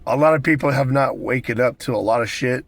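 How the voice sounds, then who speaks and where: An American man in his twenties with a cold and a raspy smoker's voice, chatting casually and candidly to viewers with plenty of swearing. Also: mid-range voice, quick pace. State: hoarse with a cold, smoker's rasp. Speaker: vlogger. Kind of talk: casual rambling talk to viewers.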